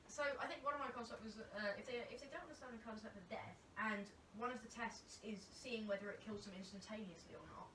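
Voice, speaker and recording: A woman's voice: mid-range voice, fast talker, hardly any pauses, a bit bright, slight background noise. A woman in a casual group discussion, thinking aloud and posing hypothetical questions. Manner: thoughtful, poses hypotheticals, swears casually. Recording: echoey room, distant mic.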